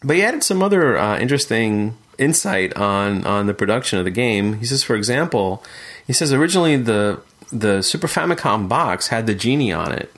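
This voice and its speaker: A man's voice: on the low side, big pitch swings, brisk, fairly bright tone. A man co-hosting a casual podcast chat, talking thoughtfully with frequent fillers and restarts. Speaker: podcast co-host discussing retro games.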